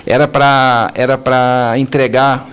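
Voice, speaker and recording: Brazilian guy on a podcast, animated storyteller, does the voices in his stories, mid pitch. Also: slow pace, smooth. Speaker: business owner guest. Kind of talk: storytelling interview.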